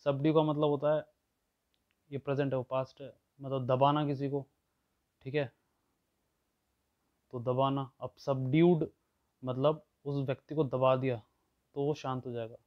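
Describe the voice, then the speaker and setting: A man's voice: mid-range voice, level tone, unhurried, long pauses. Man teaching vocabulary, lo-fi sound. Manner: explains words with everyday examples, often checks in with listeners. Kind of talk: explanatory lesson.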